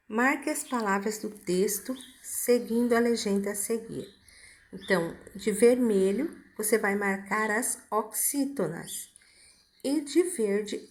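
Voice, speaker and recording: A woman's voice: mid-range voice, slight background noise. A woman teacher reading a school lesson aloud, patient, going through the exercises word by word.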